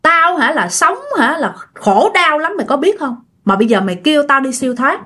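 A woman voicing a vengeful dead woman's ghost that speaks through a possessed woman, shrill and taunting. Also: big pitch swings, brisk, sharp tone, heavily acted. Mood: defiant.

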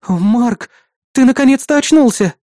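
A man's voice: very high voice, animated, moderate pace, mellow, dry recording, clean studio sound, pitched above the performer's own voice. A man voicing a sly, teasing young woman partner in an audiobook. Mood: friendly. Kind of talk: audiobook character voice.

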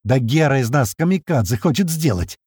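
A man voicing a rough male soldier who answers bluntly and swears. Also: mid-range voice, lively intonation, a little fast, a little mellow, no echo, studio quality. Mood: angry.

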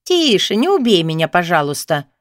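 A woman's voice: mid-range voice, sing-song, moderate pace, no room sound, lightly acted. A woman doing a sarcastic student roommate. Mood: dry mocking. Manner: dry, mocking.

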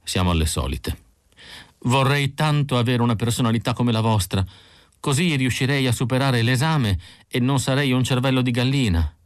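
A man voicing a timid, excitable male outcast who stammers and chatters eagerly in a raised voice. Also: medium pitch, moderate pace, no room sound, clean studio sound, voice pushed up, lightly acted.

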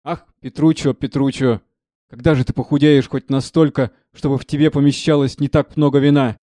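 A man's voice: medium pitch, fairly even intonation, brisk, mellow, no echo, clean studio sound, natural voice. A man reading aloud, voicing an old, scarred male knight who rambles on in grief. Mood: teasing. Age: older. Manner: grieving, rambling.

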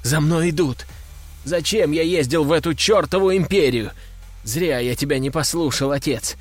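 A man's voice: fairly high pitch, normal speed, no room sound, soft background music, natural voice. A man voicing a panicked young son of a crime boss, screaming and pleading frantically. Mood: hysterical pleading. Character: panicked young male gangster's son, hysterical.

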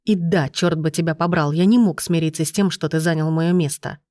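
Woman reading as a defiant young man, hoarse, breathless, dry recording. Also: low voice, fairly even intonation, brisk, a little mellow, no room sound, close to an everyday voice.

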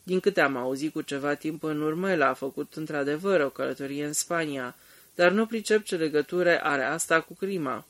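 A man's voice: on the high side, fairly bright tone, natural voice. A man voicing a talkative, pushy male journalist who chatters eagerly about his theories in an audiobook. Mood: musing.

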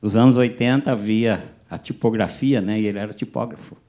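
A pastor tells a testimony to his congregation with animated storytelling and acted-out dialogue. His voice sits low and sounds mellow and relaxed. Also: fairly quick. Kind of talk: sermon testimony.

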